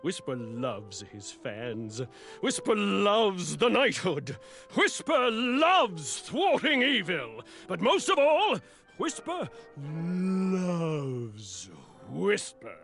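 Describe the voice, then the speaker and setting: Pompous self-loving game knight, high voice, very sing-song, unhurried. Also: male voice, wildly swooping pitch, fairly bright tone, faint music behind, full character voice. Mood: self-adoring. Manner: theatrical, self-adoring, speaks of himself in third person. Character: vain boastful male knight, talks about himself in third person. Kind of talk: video game voice acting.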